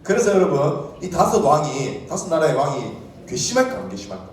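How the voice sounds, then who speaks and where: Young man, children's preacher, lively pitch, booming echoey church hall, a bit far from the mic. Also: brisk. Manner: animated, asks the children questions and acts out quotes. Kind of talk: lively children's sermon with call and response.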